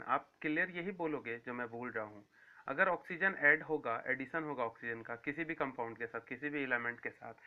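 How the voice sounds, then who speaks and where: A man teaches a school chemistry lesson in an even, mid-range voice. He drills key terms by repeating them and asks questions he then answers himself. The recording is narrow and tinny, like a phone line. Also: medium pitch. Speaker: science teacher. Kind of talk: classroom lecture to students.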